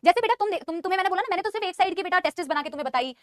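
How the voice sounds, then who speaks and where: A woman biology teacher leads a live online class at a rapid clip, her voice pitched high. She mixes English terms into Hindi and keeps addressing students as "beta," scolding them while insisting she is calm. The sound is close and dry. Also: no echo.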